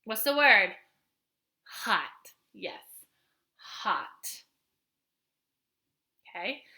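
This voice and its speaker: A woman teaches young children to sound out words, drawing each letter sound out slowly and patiently. Her voice is bright and ringing, and she talks at an unhurried pace, checking in often with her class. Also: mid-range voice, sing-song. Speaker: kindergarten teacher.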